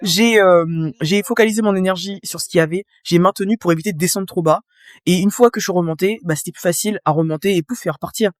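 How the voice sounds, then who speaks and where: A woman's voice: fairly low pitch, quick pace, dry recording, studio quality. A woman guest in a casual interview, explaining her experience with vivid images and talking straight to the listener. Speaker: guest, business coach.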